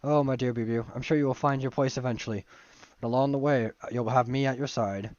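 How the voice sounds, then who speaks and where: A man reading the lines of a folksy old male chicken-restaurant colonel in a dating game, in a salesman-like, unhurried way. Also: mid-range voice, steady tone, a little mellow, dry recording, close to an everyday voice. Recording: dull dry stream audio.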